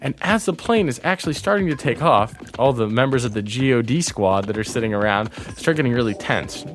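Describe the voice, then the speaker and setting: A man's voice: mid-range voice, lively intonation, brisk. A man telling a travel story in casual conversation, rambling and restarting, laughing at his own tale.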